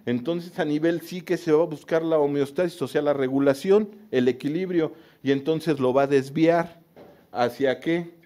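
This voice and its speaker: A Mexican man, a psychotherapist, giving an informal radio talk with slangy, lively storytelling and frequent checks for agreement. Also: a little high, moderate pace. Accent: Mexican Spanish. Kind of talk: informal talk lecture on self-esteem.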